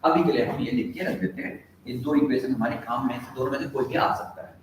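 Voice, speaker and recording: A man's voice: medium pitch, a little hiss or hum. Echoey, distant male physics teacher. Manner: addresses students, asks questions, dictates formulas slowly. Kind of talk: classroom lecture. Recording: echoey room, heard from a distance.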